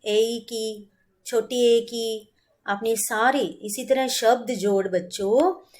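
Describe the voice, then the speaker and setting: A woman's voice: a little high, a little mellow. A woman teacher giving a revision lesson to children, asking questions and answering them herself, patiently stretching out words to model them. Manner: slow, patient, drawn-out word modelling; coaxing, asks and answers own questions.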